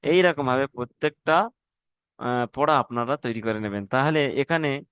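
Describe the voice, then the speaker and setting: A man teaching Quran reading in an online class, addressing students politely and spelling out letters slowly, syllable by syllable. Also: mid-range voice, fairly bright tone, clear, resonant tone.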